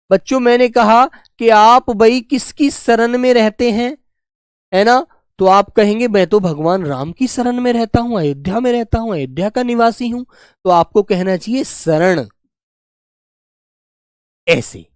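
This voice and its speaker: A man teaching a spelling class online, coaxing his students and slowly repeating words to show how they are said. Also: sits high, smooth, no room sound, clean studio sound. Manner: coaxing, keeps calling students "beta" and "bachche". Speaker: Hindi teacher.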